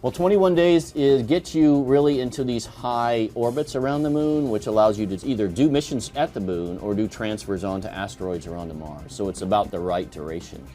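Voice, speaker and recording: A man answering interview questions, explaining technical details in a relaxed way. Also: fairly low pitch, a little fast, hardly any pauses, soft background music. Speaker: engineer being interviewed.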